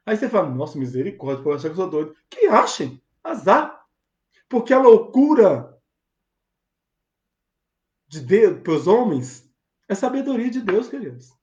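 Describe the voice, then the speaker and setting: A man's voice: high-pitched, darkish tone. A man with a Brazilian Portuguese accent preaching a sermon as pastor, fervent and emphatic, with rhetorical questions. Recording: roomy, dull lo-fi sound.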